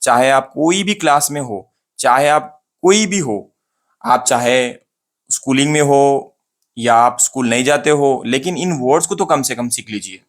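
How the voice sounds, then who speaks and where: Man drilling pronunciation, slow and repetitive. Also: medium pitch. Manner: repeats words slowly to model pronunciation, asks and answers himself. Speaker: English pronunciation teacher. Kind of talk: casual spoken lesson to camera.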